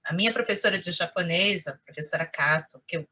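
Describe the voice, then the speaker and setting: Woman, Carioca accent, bright voice, interview guest, animated conversational storyteller. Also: lowish voice, a little fast, slightly rough. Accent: Rio de Janeiro Portuguese. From Brazil.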